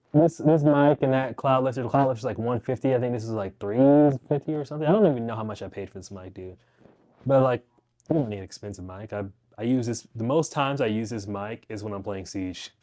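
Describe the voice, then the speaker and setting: With a lowish, darkish voice, a young man who teaches guitar and runs a channel chats idly about his gear at home. He's laid-back and slangy, rambling into a wireless clip-on mic connected to his phone.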